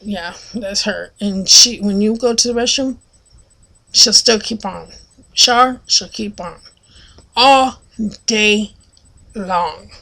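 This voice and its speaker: A woman's voice: slow pace, gravelly, pauses often. A woman vlogging casually, telling a rambling story full of fillers and restarts and acting out other people's lines. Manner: acts out other people's lines in a loud, high voice.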